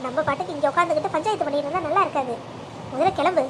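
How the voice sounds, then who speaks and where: Patient cartoon dad, voiced by a woman; persuasive, high and quick, noisy track. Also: close to an everyday voice. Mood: calm. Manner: soothing, persuasive, takes blame. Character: calm, reasoning middle-aged father, man.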